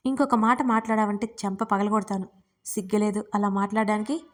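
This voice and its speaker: A woman voicing a sharp-tongued young married woman in a spoken romance. She snaps and scolds with exasperation, in an ordinary mid-pitched voice. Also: level tone, a little fast, natural voice. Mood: irritated. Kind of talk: audiobook character reading.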